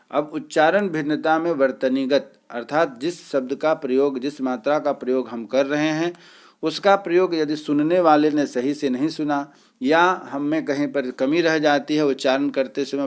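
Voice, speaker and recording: A man teaching an exam-prep lecture, explaining step by step with pauses and filler sounds. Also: mid-range voice.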